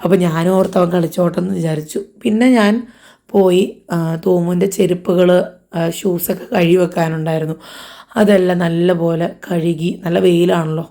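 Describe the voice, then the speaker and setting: A young woman with a hoarse voice and a blocked nose, narrating her day in a casual family vlog. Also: on the low side, fairly even intonation, normal speed, mellow. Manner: chatty, rambling daily-life narration. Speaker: family vlogger.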